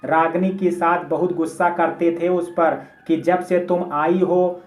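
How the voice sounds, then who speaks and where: A man narrating a family drama story in a steady, plain storytelling voice. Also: high voice, a little slow. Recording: echoey room, tinny phone-like sound.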